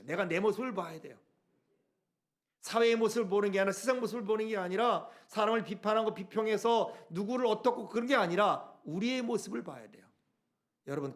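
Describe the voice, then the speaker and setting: A middle-aged male pastor preaching a sermon in a church, asking the congregation questions and reading scripture aloud. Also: high voice. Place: church sanctuary.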